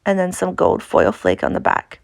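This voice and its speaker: A woman's voice: lowish voice, sing-song, moderate pace, gravelly, no room sound, studio quality. A woman with an Appalachian accent talks through a craft tutorial in a casual, chatty, informal way. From Appalachia, United States. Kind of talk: casual instructional craft voice-over.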